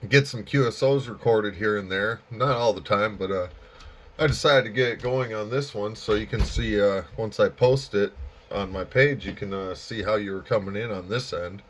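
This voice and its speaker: This amateur radio operator and hobby video maker has a somewhat low, slightly bright male voice. He's chatting casually over ham radio in a relaxed, folksy way.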